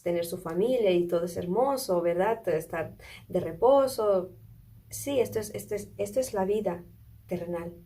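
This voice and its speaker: A woman's voice: mid-range voice, a little mellow, husky. Earnest woman preaching a sermon. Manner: earnest, asks listeners questions, small restarts. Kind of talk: sermon, retelling a Bible story.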